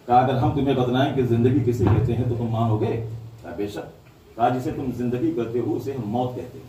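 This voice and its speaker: A man's voice: mid-range voice, dark tone, a little hiss or hum. A man giving a dramatic devotional sermon at a mourning gathering, telling a story and repeating lines for emphasis. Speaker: majlis orator. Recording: echoey hall, far mic, crowd.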